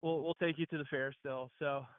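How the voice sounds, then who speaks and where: A man in his late twenties from Mississippi, calling in over a phone speaker and telling a long, rambling story while he walks, with many halting restarts. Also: a little high, steady tone, no echo. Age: late 20s. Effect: heard over a phone speaker. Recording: tinny dry phone line.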